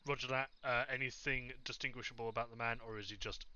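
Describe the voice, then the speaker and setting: A man heard over a radio, giving measured squad orders in radio procedure with frequent ums and uhs. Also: mid-range voice, fairly even intonation, clear, resonant tone. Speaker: squad leader in a military game. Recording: muffled radio with loud background noise.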